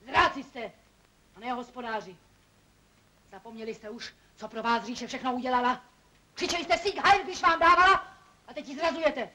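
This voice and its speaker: An actress playing a hysterical, domineering Nazi fanatic, in a 1950s film. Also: female voice, hardly any pauses, bright, forceful tone, rough recording. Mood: scornful. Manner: shrill, commanding, hysterical. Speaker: fanatical Nazi woman in a village.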